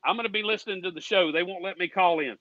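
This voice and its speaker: A loud crowd surrounds a high-pitched American man talking fast as a guest on a racing fan show, and the recording is muffled. He's ranting hotly, combative and indignant, swearing a lot and using folksy "ain't" and "y'all."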